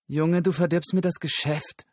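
A woman's voice: low-pitched, steady tone, normal speed, a little mellow, no echo, studio quality, voice pushed up. A man voicing a brash, teasing young female street hustler in an audiobook. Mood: indignant. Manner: teasing, brassy, scornful.

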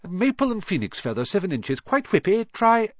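A man voicing an eccentric, intense old wandmaker in an audiobook, soft-voiced and musing, savouring each detail. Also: mid-range voice, wildly swooping pitch, measured pace, no echo, muffled recording. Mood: excited, urging.

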